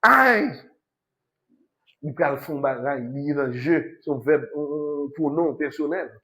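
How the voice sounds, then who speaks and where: Casting: Haitian-accented male lecturer, slightly high voice, emphatic and repetitive classroom delivery. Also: fairly even intonation, moderate pace, a little mellow. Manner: switches between French and Haitian Creole, repetitive, emphatic. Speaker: university lecturer.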